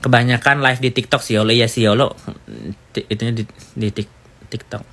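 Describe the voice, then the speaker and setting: A man's voice: mid-range voice, fairly even intonation, moderate pace, a bit bright. A man giving casual, rambling gossip commentary in a chatty way.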